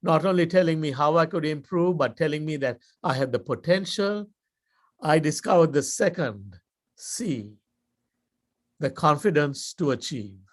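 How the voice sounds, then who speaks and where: Speaking with a Sri Lankan accent, an older man from Sri Lanka addresses a club as a guest speaker with a motivational talk. His slightly high voice is expressive, and he tells his story in a measured, deliberate style, pausing dramatically.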